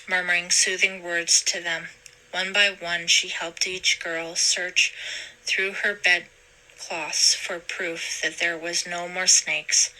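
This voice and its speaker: A woman narrating a storybook aloud in a steady, measured way. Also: lowish voice, poor audio. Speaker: storybook reader.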